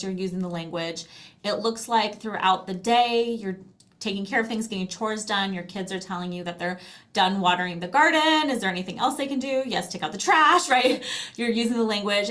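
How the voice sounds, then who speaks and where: A company founder with a mid-range, fairly bright voice is the guest in an interview. She explains things chattily and conversationally, dropping in little quotes and checking in with tag questions.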